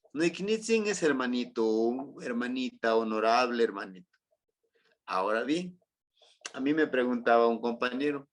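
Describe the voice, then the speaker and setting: A man's voice: medium pitch, a bit bright. A man teaching a language class in Spanish with a Mexican accent, patiently repeating words and checking that the students remember. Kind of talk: classroom lesson.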